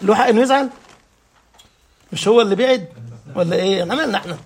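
A man with an Egyptian Arabic accent teaches a religious lesson in a high, fast, slightly rough voice. He fires off rhetorical questions and checks that his listeners are keeping up.

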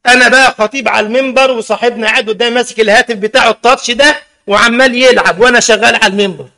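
An Egyptian imam preaches to his congregation in a very high, gravelly voice. His tone is bright and sharp, and he keeps firing rhetorical questions and teasing listeners in the mosque. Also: fairly even intonation, very fast. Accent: Egyptian Arabic. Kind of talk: mosque sermon.

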